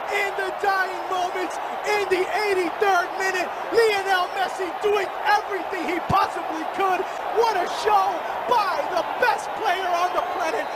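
A male football commentator shouting live match commentary with long, drawn-out, excited goal yells. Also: very high-pitched. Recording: distant broadcast under very loud crowd noise.

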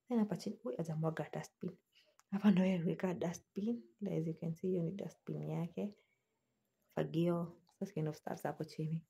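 A young Kenyan woman with a Kenyan accent, filming a casual home tour on her phone in a small flat. She chats to her viewers and often drops to soft, half-whispered asides. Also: lowish voice, breathy edge. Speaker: vlogger giving a house tour. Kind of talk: casual tour narration mixing Swahili and English. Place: small bedsitter flat, indoors. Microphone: phone held while filming.

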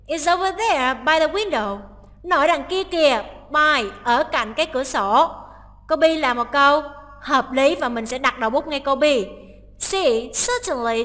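Bright, high-voiced woman teaching a listening test. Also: in a large hall. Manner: explains each option, translating English lines aloud. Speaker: English teacher.

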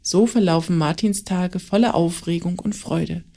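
A woman narrating a children's short story in a calm, measured reading voice. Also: fairly low pitch.

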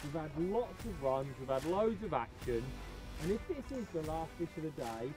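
Upbeat middle-aged angler, slightly high voice, outdoors with music underneath. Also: male voice, very animated, moderate pace. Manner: upbeat, effusive, matey. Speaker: angler and co-host. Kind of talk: casual outdoor chat. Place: riverbank outdoors.

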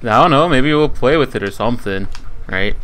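A young man streaming, telling stories and joking loudly with friends, swearing freely. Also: mid-range voice, lively intonation, brisk, a little hiss or hum. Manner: loud, swearing, joking storyteller. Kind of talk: casual group chat on stream. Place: hot room without air conditioning.

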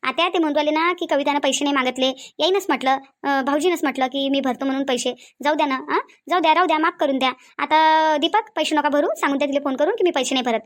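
A woman's voice: high voice, quick pace, hardly any pauses, lightly acted. A woman voicing a young daughter-in-law in a cartoon who pleads and soothes, with a Varhadi Marathi accent. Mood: pleading. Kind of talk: cartoon voice acting.

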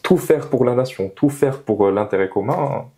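A young male engineer, interviewed in a small indoor meeting room, explains his opinions earnestly and emphatically, repeating key phrases. His medium-pitched voice is expressive and dark, at a moderate pace, and the clip-on lapel mic picks up a little hiss or hum.

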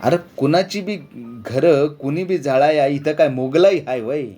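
Brief: narrator voicing village chief, commanding, scolding, rural speech. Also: male voice, on the high side, moderate pace, darkish tone, soft background music, close to an everyday voice. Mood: stern. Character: commanding village headman, male, authoritative.

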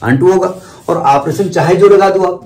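Math teacher, male, somewhat high voice, patient step-by-step lecturing, heard from afar in an echoey classroom. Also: moderate pace, darkish tone. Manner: explains step by step, repeats terms, asks the class questions. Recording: echoey room from far off, faint noise.

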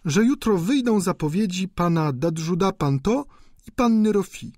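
A man voicing a sly, spiteful high-society duchess in an audiobook, with sweetly malicious delivery. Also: animated, normal speed, a little mellow, no echo, clean studio sound.

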